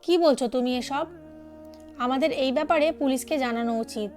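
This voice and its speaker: Woman reading a caring, determined young man in an audio drama; high voice, earnest. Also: normal speed, a little mellow, soft background music, natural voice. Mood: concerned. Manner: earnest, protective. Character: concerned young man, protective groom.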